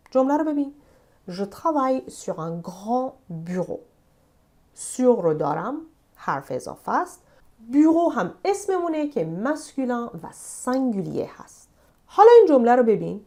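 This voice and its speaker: Lively woman teaching French grammar. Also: on the high side. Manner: lively explaining, slows down to read French examples. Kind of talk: online grammar lesson.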